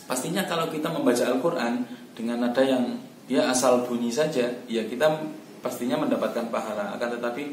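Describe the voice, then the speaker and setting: A man's voice: mid-range voice, darkish tone. A man teaching Quran recitation, explaining in a patient instructional way. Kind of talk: instructional talk. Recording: roomy echo, distant mic, faint background noise.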